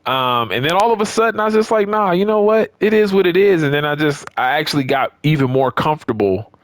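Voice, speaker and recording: The YouTube host of a wrestling game and action figure channel chats casually and unscripted with his viewers. He rambles conversationally and repeats phrases for emphasis. His voice is a little high and animated, he talks fast, and there is a slight hiss or hum in the recording.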